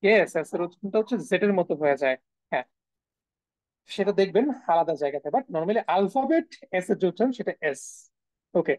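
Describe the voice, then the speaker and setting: Mellow, low-voiced woman teaching online. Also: expressive, fairly quick, pauses often, dry recording, rough recording. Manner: drills sounds by repeating them, asks and answers her own questions. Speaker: German language teacher. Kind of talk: live online class lesson. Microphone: video call.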